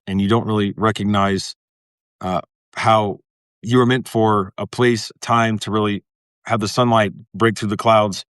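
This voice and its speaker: A man's voice: fairly low pitch, fairly bright tone, no echo, studio quality. A man talking as a guest in a casual interview, rambling and restarting his sentences, swearing now and then.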